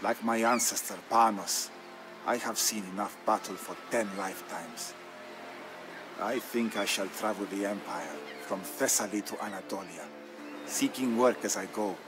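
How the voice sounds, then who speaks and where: A male actor voices a solemn Byzantine Greek man telling of his family's wars, his low voice measured, theatrical and heavy with gravity yet close to an everyday voice. The mood is weary and reflective in this scripted storyline narration for a strategy game, with music clearly audible underneath.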